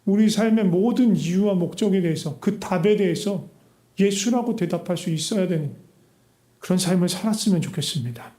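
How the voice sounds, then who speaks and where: Male pastor, high mellow voice, earnest sermon full of rhetorical questions, echoey church sanctuary. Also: moderate pace.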